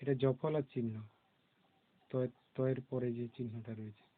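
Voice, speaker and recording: A man teaching young children to read, spelling out letters slowly and patiently in a classroom lesson. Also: mid-range voice, fairly even intonation. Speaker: primary school teacher. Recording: tinny phone-like recording.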